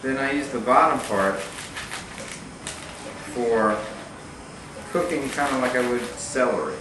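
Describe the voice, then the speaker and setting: A man hosts a casual cooking demonstration in a middle-pitched voice. He is plain-spoken and informal, talking as if to a pal. There is clear noise behind him. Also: unhurried. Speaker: cook hosting a cooking show. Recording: noisy live room sound.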